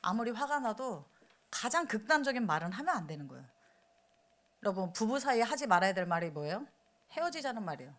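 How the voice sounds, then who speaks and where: A woman's voice: on the high side, big pitch swings, fast talker, fairly bright tone. A woman missionary preaching a sermon in church, talking conversationally, asking the congregation questions and acting out quoted outbursts. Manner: acts out quoted outbursts in raised voice.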